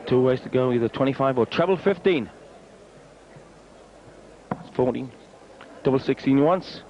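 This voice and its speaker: A male sports commentator talks through live darts at a medium pitch, with wry, colourful phrasing. The sound is that of an old television broadcast, slightly dull, with clear noise behind him. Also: moderate pace. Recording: dull, noisy archive TV broadcast.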